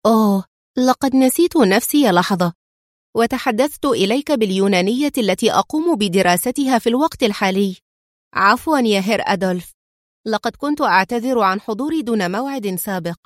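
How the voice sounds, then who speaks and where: A woman's voice: on the high side, expressive, fast talker, dry recording, lightly acted. Sly sweet-talking lady spy, read by a woman narrator, dry close sound. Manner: sweet on the surface, sly underneath. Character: cunning, charming female spy.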